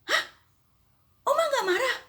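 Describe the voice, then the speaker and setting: A woman's voice: sits high, big pitch swings, a little slow, pitched above the performer's own voice, full character voice. An older woman voicing a sulky female neighbor who asks blunt, pushy questions. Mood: startled.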